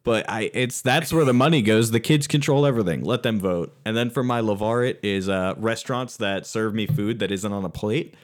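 A man's voice: on the low side, a little fast, hardly any pauses. A man in a casual comedic chat, ranting with exasperation and profanity and mocking the people he quotes. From lives in New York. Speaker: podcast co-host.

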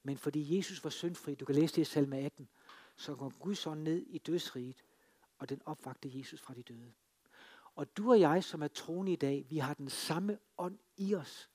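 A man's voice: fairly high pitch, breathy edge. Dramatic man preaching a sermon. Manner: dramatic storytelling, swinging between emphatic and hushed. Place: free church.

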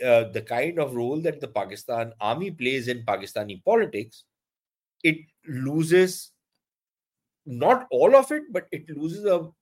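A man's voice: on the high side, a bit bright. A man from India with a North Indian accent giving opinionated analysis in an interview, speaking emphatically and slipping between languages mid-sentence. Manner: emphatic, code-switches into Hindi and Punjabi mid-sentence. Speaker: foreign policy commentator.

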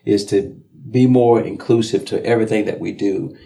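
A man hosting a casual podcast interview, talking in an unhurried way with many pauses and restarts. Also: lowish voice, steady tone, vocal fry, warm tone. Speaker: podcast host, police officer.

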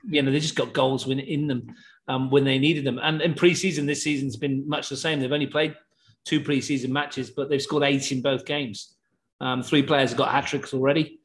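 A man, talking through the football season as a pundit in a casual podcast chat, measured and analytical. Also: mid-range voice, steady tone.

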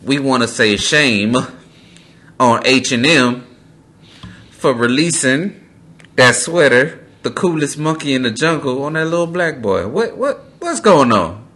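A man's voice: mid-range voice, animated, unhurried, bright, forceful tone, breathy edge. A man hosting a casual podcast, loose and profane, repeating words for emphasis. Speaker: podcast host.

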